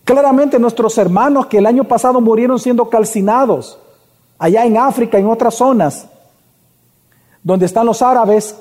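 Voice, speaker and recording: A man's voice: extremely high pitch, warm tone, long reverb tail. A man preaching a sermon as pastor, addressing the congregation with rhetorical questions.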